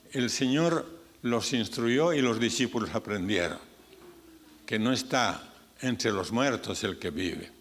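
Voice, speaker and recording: A man's voice: mid-range voice, fairly bright tone. A man, a pastor, preaching a sermon with earnest emphasis, his voice rising sharply on key points. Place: church sanctuary. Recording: church sanctuary with long reverb.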